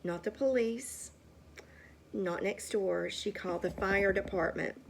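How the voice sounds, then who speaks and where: A woman's voice: medium pitch, unhurried, vocal fry, a little hiss or hum. A woman reading a storybook aloud to a child at home, with chatty asides and questions. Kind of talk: casual storytime read-aloud.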